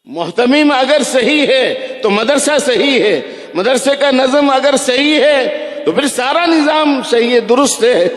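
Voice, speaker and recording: High-voiced preacher in echoing mosque hall. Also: male voice, lively intonation. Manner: storytelling, slows to chant Quran recitation examples. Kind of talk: religious sermon. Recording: echoey hall reverb.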